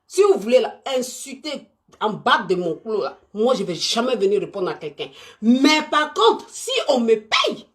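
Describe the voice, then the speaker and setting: Here a live stream host from Côte d'Ivoire chats unscripted with her audience at a moderate pace, her voice a little high. She comes across as animated and emphatic, looking right at her viewers and going over the same points repeatedly.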